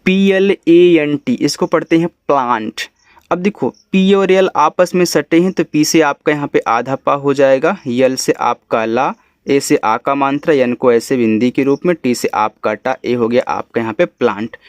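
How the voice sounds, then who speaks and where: Slow-spelling Hindi-accented male teacher, dry sound. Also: mid-range voice, no room sound. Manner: spells words letter by letter slowly, then explains. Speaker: English teacher. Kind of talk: spelling and reading lesson.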